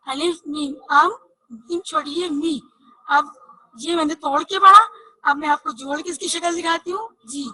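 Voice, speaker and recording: A woman teaching young children to read, slowly spelling out letters and asking questions she answers herself. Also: high-pitched, pushed and bright, dry recording, rough recording. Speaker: Urdu teacher. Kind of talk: online reading lesson for children.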